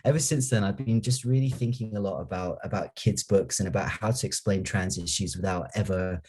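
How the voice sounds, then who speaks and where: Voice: low-pitched, a little fast, a little mellow, slightly rough. An author speaking earnestly and effusively in a casual interview over a video call.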